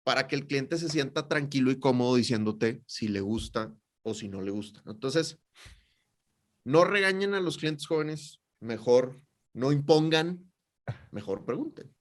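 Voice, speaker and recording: A man co-hosting a sales podcast, telling an anecdote in a casual, animated way. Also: medium pitch, unhurried. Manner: animated storyteller, voices quoted characters. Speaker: podcast co-host, sales trainer. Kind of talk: casual chat, storytelling.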